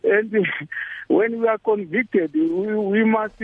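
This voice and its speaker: Male caller, South African Zulu accent, high pitch, tinny phone sound; halting, repetitive testimony mixing English and Zulu. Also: no room sound. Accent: South African Zulu-language. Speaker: caller to a religious radio show. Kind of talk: personal testimony, casual and conversational. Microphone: telephone.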